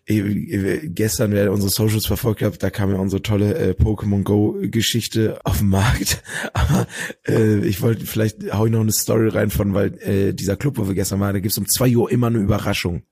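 A tired, hungover man in his late twenties co-hosting a casual podcast, telling stories haltingly with fillers. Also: on the low side, flat delivery, warm tone, slightly rough, dry recording, studio quality. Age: late 20s. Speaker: podcast co-host. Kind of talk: casual chat.

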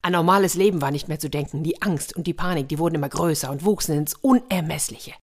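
Low-voiced woman telling a children's story. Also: quick pace. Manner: dramatic, sound-painting delivery. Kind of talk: expressive storybook narration.

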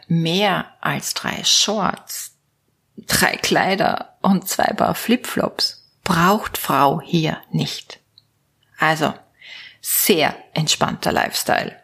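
A woman from Austria with an Austrian German accent, musing aloud to her viewers in a playful, casual monologue as a network marketing coach. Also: lowish voice. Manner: playful, musing aloud, switching between options.

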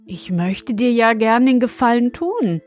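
A woman's voice: a little high, very animated, unhurried, darkish tone, soft background music, pitched above the performer's own voice. A woman voicing a small, stern grey old forest gnome in a storybook reading, with a thin, fine voice and a scolding, proud manner. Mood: wistful.

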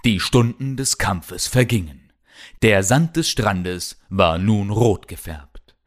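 Low, slow male audiobook narrator. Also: lively intonation. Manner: dramatic storytelling.

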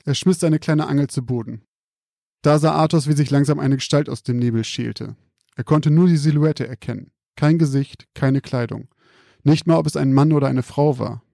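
A man calmly reading out a scripted spooky story in a measured, quiet storytelling manner. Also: mid-range voice, vocal fry, no room sound, clean studio sound.

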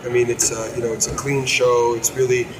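Hoarse American man co-hosting a podcast. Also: mid-range voice, level tone, brisk. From United States. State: hoarse, losing his voice. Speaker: podcast co-host. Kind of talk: casual car show discussion. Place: indoors at an auto show stand. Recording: clearly noisy auto show floor.

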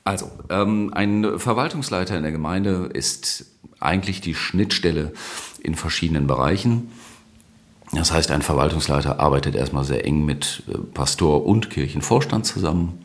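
Middle aged guy w/ super deep bass voice, answering interview questions slowly thought out, echoey room. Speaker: interview guest, church administration manager. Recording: roomy, echoing sound.

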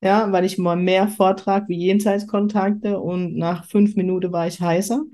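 Hosting a casual podcast, this spiritual medium from Kurpfalz, southwest Germany, chats spontaneously with effusive exclamations. She speaks at a moderate pace in a mellow, medium-pitched voice that moves little in pitch.

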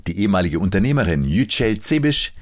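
A man narrates a report in a formal, scripted voice-over. His voice is low with a lively, rising and falling melody. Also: fast talker.

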